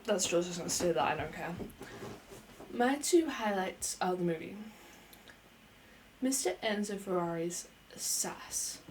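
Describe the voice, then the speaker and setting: A woman's voice: lowish voice, animated, unhurried, pauses often, darkish tone, a little hiss or hum. A young adult woman giving an unscripted casual review as a vlogger, chatty and playful, talking with lots of fillers.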